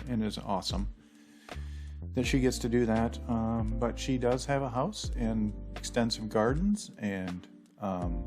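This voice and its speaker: A man narrating his sailing vlog at home, chatty and rambling with plenty of fillers and self-deprecating asides. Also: lowish voice. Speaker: sailing channel host. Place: house full of dogs.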